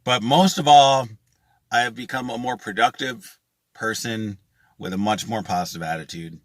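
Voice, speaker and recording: A man's voice: on the low side, moderate pace, no room sound. A man speaking casually and earnestly to his viewers as a music festival vlogger, with emphatic phrasing. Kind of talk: casual to-camera vlog.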